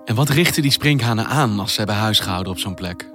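A male radio news presenter asking a correspondent questions in a measured, inquisitive way. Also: fairly low pitch, animated, pushed and bright. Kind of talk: interviewing a correspondent. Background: music.

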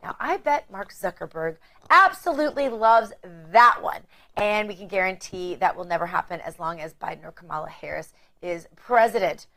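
A woman's voice: mid-range voice, animated, moderate pace, sharp tone. A woman hosting a news show, handing off to correspondents with chatty, laughing asides. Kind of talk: cable news anchoring.

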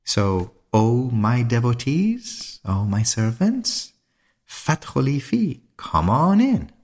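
A man giving a slow, reflective spiritual talk on mysticism, with deliberate phrasing and dramatic pauses. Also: mid-range voice, very animated, darkish tone. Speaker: lecturer on mysticism.

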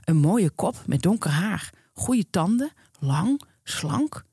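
A chatty young woman in her early twenties, talking dreamily and at length, her low voice a bit husky, as a woman reads her lines. The sound is close and dry. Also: sing-song, takes it slowly, warm tone, no echo, exaggerated voice. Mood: dreamy. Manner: gushing, chatty. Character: pouty blonde young woman gushing about a boyfriend's father.

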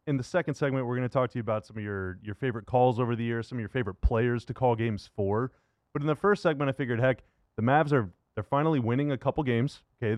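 In a slightly mellow, mid-range voice, a sports radio and podcast host gives an upbeat show intro and talks basketball in a relaxed, conversational interview. The recording has no echo.

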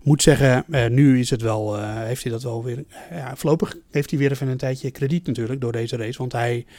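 A man's voice: medium pitch, fairly even intonation, fairly quick, a little mellow, no echo. Male co-host, analytical chatter, lots of "eh" and restarts, dry close mic. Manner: explains at length with many fillers and restarts. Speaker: podcast co-host. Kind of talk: casual analytical chat.

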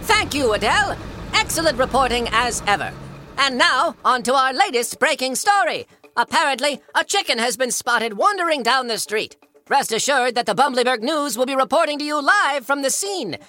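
A man voicing a pompous male asparagus news anchor with a grand, booming newsreader delivery in a cartoon audio play. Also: expressive, moderate pace, pushed and bright, heavily acted. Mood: announcing.

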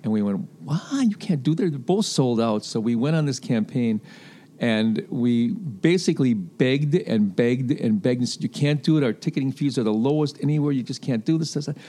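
A man from a festival's booking team telling animated stories in an interview, acting out what people said. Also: mid-range voice, normal speed. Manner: animated anecdote teller, acts out quotes. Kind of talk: storytelling interview.

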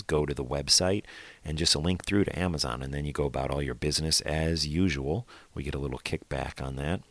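A man's voice: extremely low pitch, a bit bright, dry recording. A man hosting a podcast, chatting in an upbeat, enthusiastic way as he gives the intro and plugs. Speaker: podcast host.

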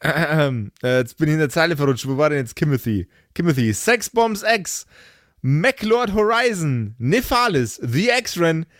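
With big swings in pitch and a slightly slow pace, the fairly high, bright-toned host jokes through his podcast outro, naming supporters and addressing listeners. He also plays on the improvised tabletop role-playing show, and the studio recording is clean and dry.

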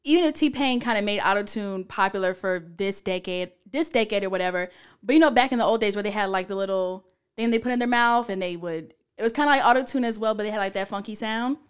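A woman's voice: mid-range voice, quick pace, clear, resonant tone. A woman co-hosting a podcast with casual, conversational commentary. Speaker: podcast co-host.

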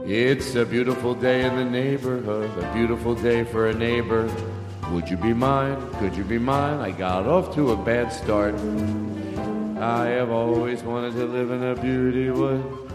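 A man's voice: mid-range voice, measured pace. Man host drenched in echo reverb. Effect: heavy reverb echo added to his mic. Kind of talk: live comedy show banter. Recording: heavy echo reverb over loud live music. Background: live band playing.

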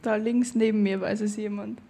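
A woman's voice: medium pitch, flat delivery, normal speed, vocal fry, mellow. A young woman from Vienna with an Austrian German accent, chatting casually as a guest footballer in an interview. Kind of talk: casual conversation at a live audience event.

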